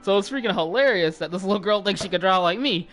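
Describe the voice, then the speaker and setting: A man's voice: high-pitched, fast talker, faint music behind. A young man casually telling a family story while he plays a game, laughing and swearing as he goes. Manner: animated, swears freely, laughs mid-story. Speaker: channel host.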